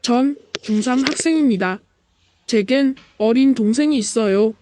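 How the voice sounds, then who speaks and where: A woman's voice: on the high side, unhurried, warm tone, close to an everyday voice. A woman reading the letter of a ninth-grade student troubled by a noisy younger sibling.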